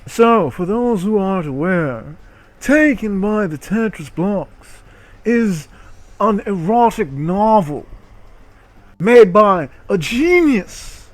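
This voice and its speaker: Hosting a game livestream, a man performs in a theatrical, mock-grandiose style while muttering sweary asides under his breath. His high, sing-song voice takes its time, and there's no echo.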